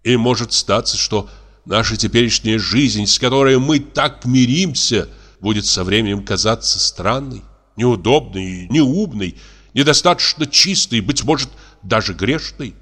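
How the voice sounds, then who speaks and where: A man reading a play aloud, voicing a reflective middle-aged army officer who muses slowly about life. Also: mid-range voice, lively intonation, fairly bright tone. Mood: musing.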